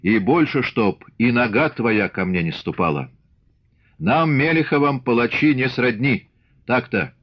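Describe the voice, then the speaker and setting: A man's voice: low voice, lively intonation, normal speed, few pauses. A man voicing a stern, hot-tempered old Cossack father in an audiobook, firm and commanding, snapping out his words. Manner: shouts and snaps, firm and commanding. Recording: dull lo-fi audiobook recording.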